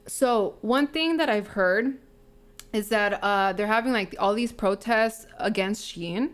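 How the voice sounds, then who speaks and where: A woman in her thirties co-hosts a casual podcast chat, her voice smooth and resonant. She rambles along, full of fillers and restarts. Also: mid-range voice, slow pace. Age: 30s. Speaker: podcast co-host.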